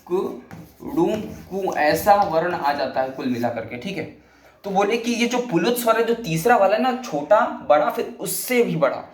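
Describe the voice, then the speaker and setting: A man gives a lesson in a slightly high voice, patiently going over each idea again and again. His voice rings in an echoey room. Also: lively intonation, normal speed. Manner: repetitive, patient explaining with many restatements. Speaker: Sanskrit teacher. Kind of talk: explanatory classroom lesson.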